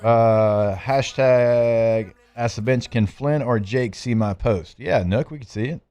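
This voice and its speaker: A man hosting a live sports radio talk show from a studio, chatting in a relaxed, joking way with plenty of fillers. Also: mid-range voice, slow, faint music behind.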